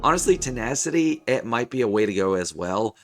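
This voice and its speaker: A man in his thirties with a hoarse, failing voice, giving casual game commentary as host of a gaming video. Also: mid-range voice, animated, a little fast, soft background music. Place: small room indoors at a desk.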